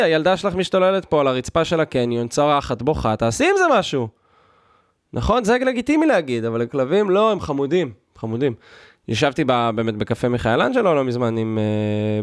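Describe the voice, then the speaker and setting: A man on a podcast rants in a sarcastic, mock-outraged comic monologue, full of fillers and restarts. His voice sits a little high and swings widely in pitch. The sound is close and dry. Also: dry recording. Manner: loose, talky, many fillers and restarts. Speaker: podcast host. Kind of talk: comedic rant monologue.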